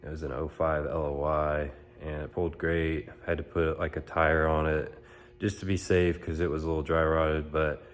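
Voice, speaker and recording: With a very deep voice at a moderate pace, a young man fighting a stuffed-up head cold hosts a casual how-to vlog shot on his phone. He rambles in a relaxed way with fillers, beginning in a pole barn with the phone at arm's length and ending outside on a lawn with the phone camera behind him.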